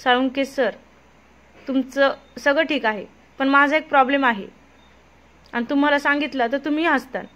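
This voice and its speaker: A woman's voice: sits high, normal speed, a bit bright. Dinesh, an earnest honest young clerk, read by a woman. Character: young husband, an office clerk, honest and worried.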